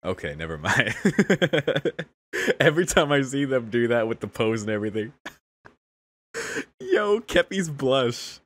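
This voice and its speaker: A man's voice: mid-range voice, wildly swooping pitch, slow, fairly bright tone, slightly rough, no echo. A young man hosting a casual anime reaction, exclaiming candidly, often laughing and swearing. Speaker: anime reaction channel host.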